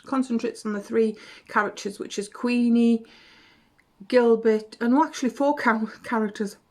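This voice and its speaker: A woman's voice: fairly high pitch, fairly even intonation, moderate pace, a little mellow. Woman, casual booktube chat, rambling and self-correcting, slight cough. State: has a cough. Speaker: booktube vlogger. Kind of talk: casual book chat to camera.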